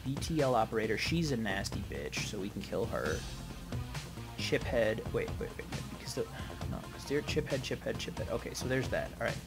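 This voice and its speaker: A gaming video host with a fairly low, creaky voice delivers casual let's play commentary at a normal pace, very animated, sarcastic, and foul-mouthed. He reads the game text aloud while video game music plays in the background.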